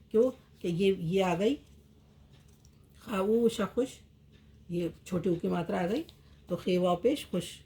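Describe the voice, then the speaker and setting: A woman teaching Urdu script in a slow lesson, repeating each word several times as she writes it out. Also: mid-range voice, a little mellow. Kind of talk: slow step-by-step language lesson.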